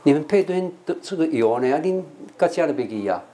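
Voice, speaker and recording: With a Taiwanese Mandarin accent, an older monk from Taiwan teaches English vocabulary, repeating words for students and coaxing the class to drill pronunciation. His mellow voice is on the high side, swings widely in pitch, and moves fast. Slight background noise is present.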